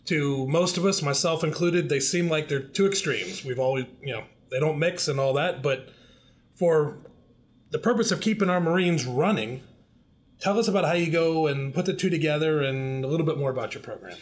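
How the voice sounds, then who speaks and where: A man's voice: a little high, moderate pace. A man hosting a podcast interview, asking questions in an upbeat, joking conversational way. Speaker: podcast host.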